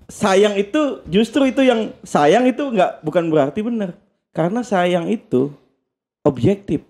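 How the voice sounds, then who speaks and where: A man's voice: high-pitched, expressive, measured pace, darkish tone. A man, a podcast guest talking bluntly in casual conversation, swearing offhand and laughing as he argues.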